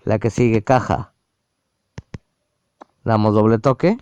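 A man calmly walking through a language app on screen, explaining each step aloud. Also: lowish voice, takes it slowly, clean tone, lo-fi sound. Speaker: app reviewer. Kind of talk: casual screen-recorded app walkthrough.

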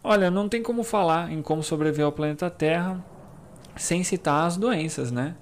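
Speaking fairly high and at a moderate pace, this young YouTuber from Brazil has a Brazilian Portuguese accent. There's slight background noise as he runs his channel, explaining topics loosely with many asides and filler words.

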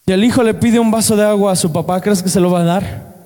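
Casting: Mexican man preaching, earnest, quizzing the congregation, voice sits high. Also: steady tone, quick pace, warm tone. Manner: earnest, asks the congregation questions. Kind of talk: sermon. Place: church hall. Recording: long hall reverb.

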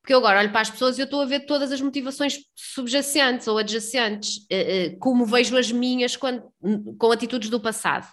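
A woman's voice: on the high side, fast talker, hardly any pauses, fairly bright tone. A woman talks in casual conversation. She is talkative and informal, leaning on slang and emphasis as she makes her points. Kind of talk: casual chat.

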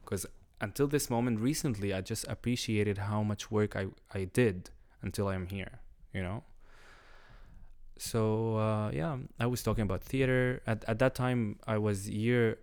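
In a relaxed guest chat, a young Syrian man with Arabic as his first language tells his story in a low, fry-heavy, gravelly voice. He pauses often while searching for the right English word and laughs a lot along the way.

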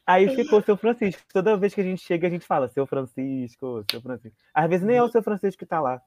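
A man's voice: sits high, fast talker. A man, chatting casually and telling funny stories, laughing as he goes. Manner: animated, laughing storyteller with dramatic asides. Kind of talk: casual chat, storytelling.

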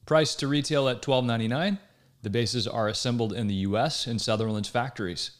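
A man's voice: mid-range voice, fairly quick. Man reading a trade news story. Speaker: news reader. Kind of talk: scripted news narration.

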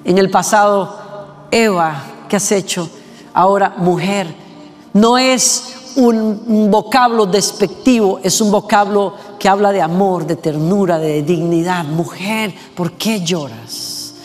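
A man preaching a sermon with passion, asking rhetorical questions and slowing down to stress words. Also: sits high, steady tone. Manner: impassioned, rhetorical questions, slows for emphasis. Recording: long reverb with faint music.

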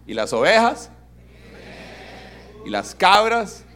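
A man preaching a sermon as pastor, animated and interactive, asking his congregation questions and dropping to soft, emphatic tones. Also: sits high, slow, slight background noise. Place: church service with congregation.

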